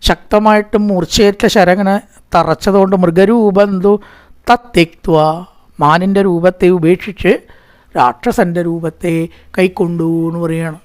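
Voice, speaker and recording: A man giving a scripture discourse who chants verses slowly, then explains them in quick conversational talk and asks himself rhetorical questions. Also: sits high, steady tone, dry recording. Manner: asks and answers his own rhetorical questions. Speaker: religious storyteller.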